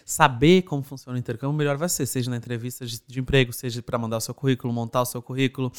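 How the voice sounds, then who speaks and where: A man's voice: medium pitch, steady tone, racing, clean tone. A Brazilian man with a Brazilian Portuguese accent, upbeat and full of advice, telling stories about working abroad in a casual interview. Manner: upbeat, advice-giving, storytelling with many tag questions. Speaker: guest sharing experience of living abroad.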